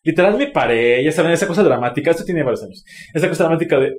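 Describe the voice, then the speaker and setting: A man's voice: fairly high pitch, rapid-fire. Candid Mexican man telling a story. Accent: Mexican Spanish. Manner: candid, profane, expressive. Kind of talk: personal storytelling talk. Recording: roomy echo.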